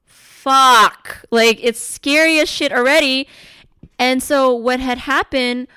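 A woman telling a story in casual chat, animated and full of "like", with casual swearing. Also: sits high, unhurried, clean tone, no room sound.

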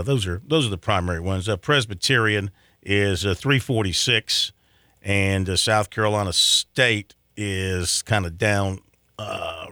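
A man hosting a sports talk radio show, reading off team rankings in a chatty way with many pauses and fillers. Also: medium pitch, a bit bright, no echo, studio quality. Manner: chatty, reads off stats with many ums and uhs.

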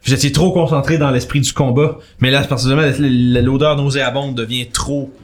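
A man's voice: medium pitch, flat delivery, fast. Québécois guy running the game, chatty, laughs a lot, trips over his words, mid voice. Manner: chatty, laughs often, stumbles and restarts while narrating. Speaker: game master. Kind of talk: narrating a tabletop game.

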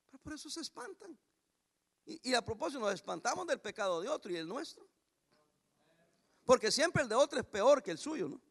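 A male pastor preaching with a high, gravelly voice. He talks emphatically, often raising his voice, and slows right down to read scripture word by word. The delivery is a full sermon. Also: sing-song, a bit bright.

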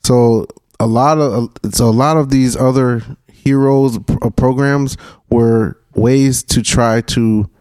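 A man's voice: medium pitch, steady tone, slow, few pauses, darkish tone, smooth, no room sound. A man with a mid-range voice joking with his friends. He teases them crudely and talks trash. The sound is close and dry. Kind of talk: casual chat.

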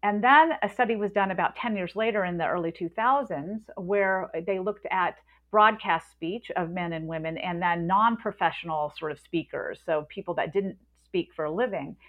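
A woman's voice: lowish voice, moderate pace, hardly any pauses. Woman linguist on a tinny line. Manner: lively, explains with spoken examples. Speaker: linguist and author guest. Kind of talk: explanatory interview talk.

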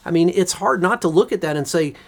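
Give me a reflective co-host on a casual church podcast who talks with steady enthusiasm and frequent fillers. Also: mid-range voice, fast talker, vocal fry.

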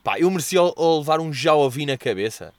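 A young man with a European Portuguese accent hosting a podcast, telling stories in a casual, slangy, animated way and acting out what others said. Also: fairly high pitch, fast, dry recording. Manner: slangy and animated, acts out quoted dialogue with exaggerated voices. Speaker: podcast host answering listener questions. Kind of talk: casual storytelling chat.

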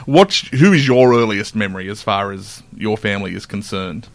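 A man's voice: lowish voice, moderate pace, vocal fry, no room sound. An Australian man hosting a podcast interview, friendly and conversational. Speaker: podcast host.

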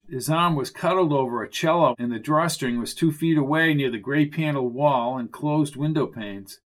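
A man narrating a mystery audiobook in an even, measured reading voice. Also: mid-range voice.

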